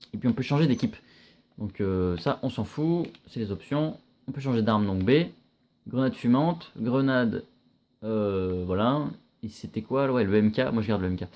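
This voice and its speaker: A young man giving casual, chatty commentary while playing a video game, reacting loudly and swearing often. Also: lowish voice.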